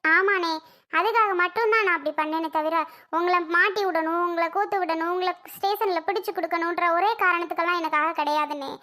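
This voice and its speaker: Woman voicing a very high bright cartoon sister-in-law. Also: steady tone, a little fast. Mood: earnest. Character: caring young woman, sister-in-law, earnest.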